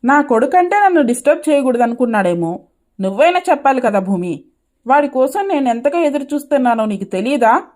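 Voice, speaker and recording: A woman's voice: high voice, sing-song, fairly quick, a little mellow. A woman voicing a greedy, scheming older mother-in-law in a cartoon story, sugary to her son and plotting in her thoughts. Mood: scolding.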